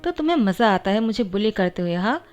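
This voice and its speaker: A woman's voice: mid-range voice, big pitch swings, quick pace, a little mellow, natural voice. Woman voicing a curt, tired young doctor. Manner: curt, weary.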